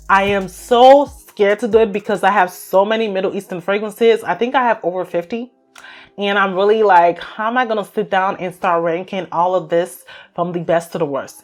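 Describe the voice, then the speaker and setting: A young woman vlogger giving a gushing, emphatic product review to her viewers. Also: mid-range voice. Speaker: beauty vlogger.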